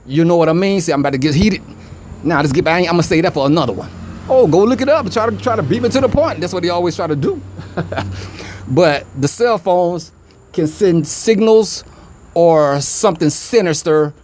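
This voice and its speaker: A man's voice: high voice, animated, fast talker, a little mellow, slight background noise. A man rambling conspiratorially in slang, talking into a phone held in his hand outdoors by a street. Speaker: vlogger. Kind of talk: casual rambling monologue. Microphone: phone held in hand away from face.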